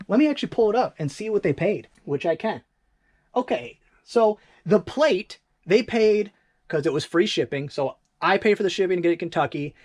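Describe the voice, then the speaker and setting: A medium-pitched eBay reseller from Northern Michigan, with the accent to match, chats casually on a vlog. The talk rambles, and they keep correcting themselves with quick asides.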